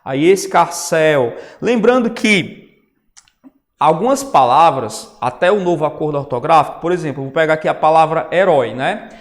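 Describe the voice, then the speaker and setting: A man's voice: on the high side, animated, moderate pace. A man teaching a grammar lesson who explains step by step and keeps checking in with his students. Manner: explanatory, says "né?" and "ó" often. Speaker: Portuguese teacher. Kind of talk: online lecture on grammar. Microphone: writing on a tablet while talking. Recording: long reverb.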